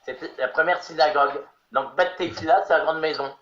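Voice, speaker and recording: A man joining an online class over a video call, explaining facts in a steady, informative way. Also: on the high side, brisk. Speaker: webinar participant. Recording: echoey, muffled call audio with faint noise.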